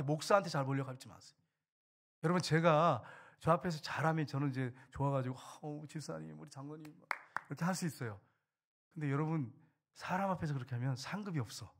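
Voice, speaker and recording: A male pastor preaching an earnest sermon to his congregation, urging them and dropping to a hush for emphasis. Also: on the high side.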